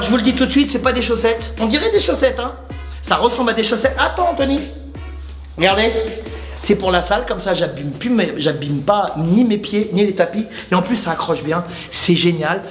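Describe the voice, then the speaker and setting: A man's voice: high-pitched, reverberant. A male channel host talking casually and enthusiastically to the camera, speaking straight to his viewers and repeating his points. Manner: chatty and enthusiastic, addresses viewers directly, repeats himself. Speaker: muay thai channel host.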